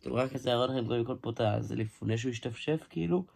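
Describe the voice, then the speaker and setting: An excitable man talks through a casual hands-on toy review from home, exclaiming often and breaking off mid-sentence. His mid-pitched voice has a gravelly fry. The recording is noisy, with clicks behind him.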